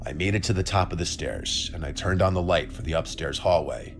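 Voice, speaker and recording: Male horror narrator, very low voice, calm scripted read, soft music underneath. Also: fairly quick. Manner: calm, steady storytelling.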